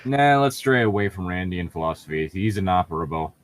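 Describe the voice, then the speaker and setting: This is a low-pitched, animated man reading a fan fiction piece aloud as a co-host, moving fairly quickly. He breaks away from the story for sarcastic, irreverent remarks laced with swearing.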